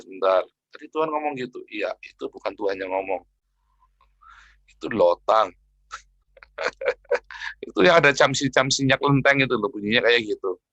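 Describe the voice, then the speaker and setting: Animated, gravelly-voiced preacher man. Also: fairly low pitch, dry recording, muffled recording. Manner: animated, swings between loud emphatic lines and quiet asides; acts out quoted people in a raised voice. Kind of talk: sermon.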